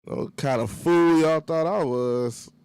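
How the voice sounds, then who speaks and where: Smooth-voiced man chatting on a stream. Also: on the high side, slow pace, darkish tone, dry recording. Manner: rambling, profane storytelling with fillers. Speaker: livestream host. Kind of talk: casual livestream chat.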